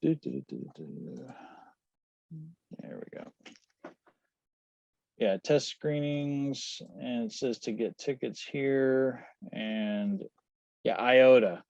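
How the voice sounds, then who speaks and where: A man's voice: medium pitch, lively intonation, takes it slowly, gravelly, long pauses, a little mellow, no room sound. A man talking as a guest in a casual podcast chat, rambling and correcting himself as he speculates. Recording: dull dry lo-fi sound.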